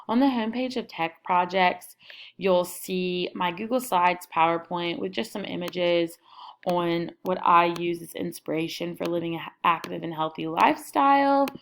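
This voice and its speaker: A woman's voice: on the low side, moderate pace, vocal fry. A young woman narrating a screen recording walkthrough of her class website, casually and upbeat, listing item after item. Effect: screen recording voice-over.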